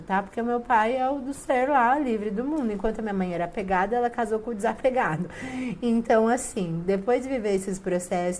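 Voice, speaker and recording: A woman's voice: on the low side, mellow, slight background noise. A woman with a Brazilian Portuguese accent, giving a spiritual talk and telling personal stories emphatically, acting out quoted dialogue. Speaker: spiritual family-systems teacher. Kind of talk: casual spiritual talk to viewers.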